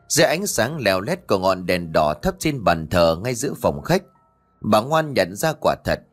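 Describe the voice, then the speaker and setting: A man narrating a ghost story for an audiobook in an expressive, dramatic storytelling manner. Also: lowish voice. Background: faint music.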